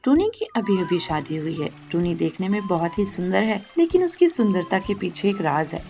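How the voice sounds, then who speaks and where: A woman tells a cartoon story in a low voice, reading a script. Her narration is clear and even. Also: normal speed, music in the background.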